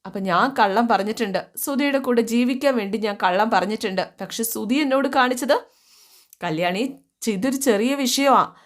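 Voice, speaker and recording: A woman voicing a humiliated young wife who speaks slowly with bitter hurt. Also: fairly high pitch, close to an everyday voice. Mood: aggrieved. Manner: aggrieved, slow and heavy.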